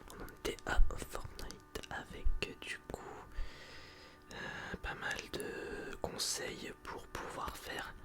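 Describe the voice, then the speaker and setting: Whispered role-play, soft library whisper, polite attentive librarian, hesitant explanatory delivery. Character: polite, attentive, gently chiding public librarian serving a borrower. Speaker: ASMR performer playing a librarian.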